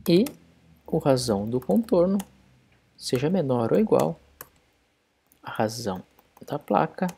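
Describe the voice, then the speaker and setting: A man's voice: medium pitch, vocal fry, a little mellow, breathy edge. A man explaining code step by step in a programming tutorial screencast. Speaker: programming instructor.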